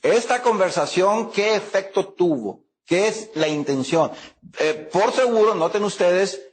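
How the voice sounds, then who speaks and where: A man teaching a Bible lesson to a class. He speaks haltingly, with many fillers, and keeps asking the class questions. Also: high voice, lively intonation. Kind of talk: classroom lecture.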